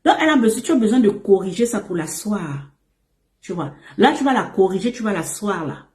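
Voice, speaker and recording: Animated woman coach in an echoey room. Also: mid-range voice, brisk. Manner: emphatic and repetitive, calls listeners "my emperor"; animated and playful, with asides and laughs. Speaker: relationship coach. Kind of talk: casual advice monologue to men.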